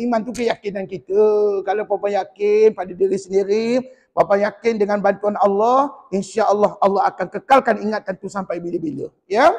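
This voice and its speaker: In a mosque class, a man with a Malaysian Malay accent teaches Quran recitation, drilling and correcting students in a lively, teasing way. His voice is very high and has a big-room sound.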